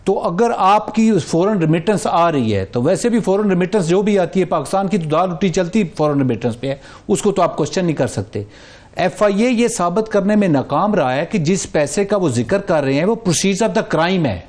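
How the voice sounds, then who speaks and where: Man, high pitch, measured, legal explanations, talk show guest. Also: expressive, a little mellow. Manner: measured, mixes English legal terms. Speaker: barrister guest.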